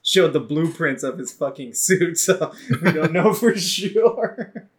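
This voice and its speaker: A man co-hosts a casual podcast, chatting slowly in a slightly high, expressive voice while laughing often and swearing freely.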